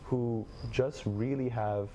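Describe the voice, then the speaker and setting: A young man from Nepal, answering interview questions in a measured, thoughtful way with frequent fillers. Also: mid-range voice, fairly even intonation, mellow, a little hiss or hum. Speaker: guest, education tech company head.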